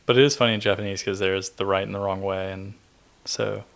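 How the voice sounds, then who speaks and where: A young man co-hosting a podcast, talking in a relaxed, rambling way with many fillers. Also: low voice, brisk, gravelly. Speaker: podcast co-host. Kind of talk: casual chat.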